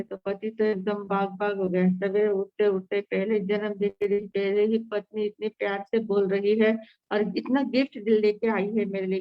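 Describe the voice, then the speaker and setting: Female preacher, storytelling sermon with fillers, mid pitch, dry online-call audio. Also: no room sound, lo-fi sound. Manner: storytelling with many fillers and restarts. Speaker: Jain nun teaching scripture. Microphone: online video call.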